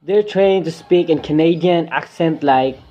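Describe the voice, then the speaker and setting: A man's voice: a little high, a little slow, dull audio, close to an everyday voice. A young man playing a bored Filipino immigrant teenage boy who grumbles casually about food and loneliness, with a Filipino accent. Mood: grumbling. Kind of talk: student dramatic reading.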